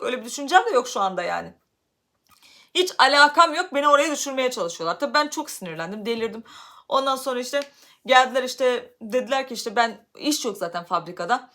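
A woman from Turkey telling a story casually to her vlog audience, animated, her voice getting loud when she is upset. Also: high-pitched. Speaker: vlogger.

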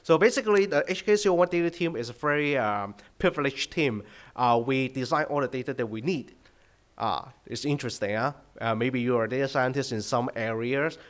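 A middle-aged man with a thick Hong Kong accent, giving a conference presentation in an informal, halting way. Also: medium pitch. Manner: informal, halting, frequent hesitations. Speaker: conference speaker, data director. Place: conference stage indoors, at a lectern.

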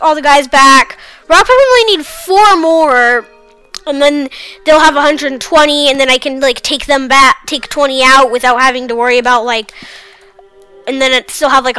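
A woman's voice: sits high, fairly even intonation, moderate pace, sharp tone, smooth, soft background music, poor audio. A woman hosting a casual let's-play, chatting in a rambling, self-deprecating way as she plays. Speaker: gaming channel host.

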